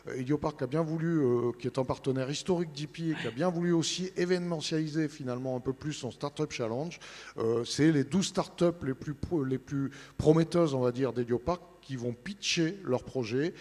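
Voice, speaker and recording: A man's voice: a little high, a little fast, darkish tone. A man speaking as an interview guest, informally presenting events and often searching for his words. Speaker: interview guest representing a newspaper. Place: large studio set in a big hall. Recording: large hall with long reverb.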